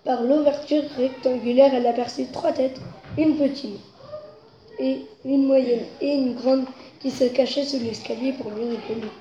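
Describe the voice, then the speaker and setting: A woman reads a children's story aloud in a mellow, fairly high voice. Her telling is expressive and builds with the story's tension. The room around her is echoey, with faint background noise. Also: a little slow, dull audio. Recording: roomy echo, faint noise.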